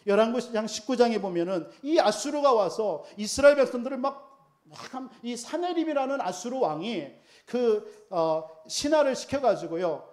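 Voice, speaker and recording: A man's voice: extremely high pitch, lively intonation, normal speed, darkish tone. A male pastor preaching a sermon emphatically, often putting rhetorical questions to the congregation.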